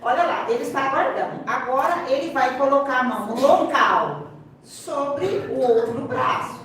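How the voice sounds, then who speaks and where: A high-pitched woman with a Brazilian Portuguese accent teaches at a live seminar. She keeps directing the audience's attention to the demonstration and drops in playful asides. Her voice rings through a very echoey lecture hall, picked up from a distance with faint room noise. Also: expressive, normal speed, fairly bright tone. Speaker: seminar speaker and sign language interpreter.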